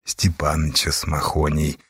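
A man voicing a weary old prospector, low and husky. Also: monotone, normal speed, a bit bright, no echo, studio quality, exaggerated voice. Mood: grim.

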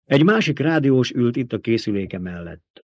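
A man narrating an audiobook in an even, steady reading, in a dull lo-fi recording. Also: mid-range voice, no echo. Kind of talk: scripted narration.

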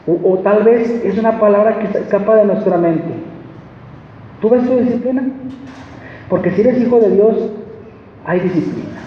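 A man's voice: high-pitched, animated, moderate pace, long pauses, a little hiss or hum. A man with a Mexican accent preaching a sermon, emphatic and repetitive, firing off rhetorical questions. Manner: emphatic, repeats phrases, asks rhetorical questions. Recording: echoey, dull hall recording.

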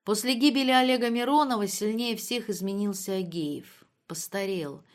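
A woman reading literary prose as an audiobook narrator, measured and subdued. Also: medium pitch.

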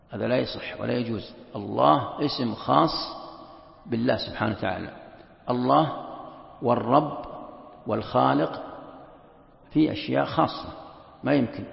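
A man's voice: medium pitch, creaky. A man who is an Islamic scholar, teaching a classroom lesson, repeating key phrases and asking and answering his own questions. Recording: echoey, dull lo-fi hall recording.

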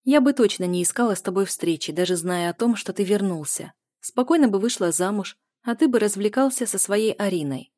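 A woman's voice: mid-range voice, animated, brisk, few pauses, a little mellow, no room sound, clean studio sound, close to an everyday voice. A woman voicing a defiant young heroine who snaps back through tears in an audiobook. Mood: angry. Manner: raised, pleading and snapping. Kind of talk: audiobook character voice.

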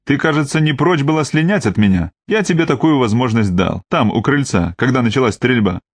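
A man's voice: mid-range voice, lively intonation, a little fast, no echo, lightly acted. Male narrator doing a cold sardonic tough guy, mocking and dry, for an audiobook; close dry sound. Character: cool, sardonic man, wary and hard.

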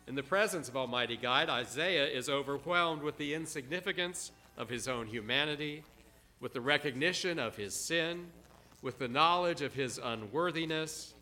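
A man preaching a sermon, repeating words for emphasis and slowing down on quiet, solemn phrases. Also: medium pitch.

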